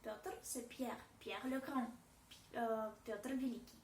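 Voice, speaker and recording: A woman's voice: on the high side, fairly even intonation, slow pace, roomy sound, far from the mic, loud music behind the voice. A woman with a Russian accent giving a pronunciation lesson, speaking hesitantly and repeating example words. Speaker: Russian language teacher. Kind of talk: language lesson.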